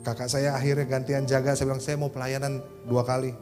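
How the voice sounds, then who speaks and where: A man's voice: mid-range voice, flat delivery, fairly quick, music in the background. A man with an Indonesian accent preaching a sermon as a pastor, telling an emotional personal story and often calling his listeners "saudara.". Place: church service.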